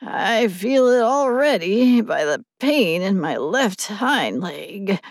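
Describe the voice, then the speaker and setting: Woman reader doing a hoarse old male dog: slow, gruff, lecturing the young. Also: mid-range voice, big pitch swings, no room sound, clean studio sound, exaggerated voice.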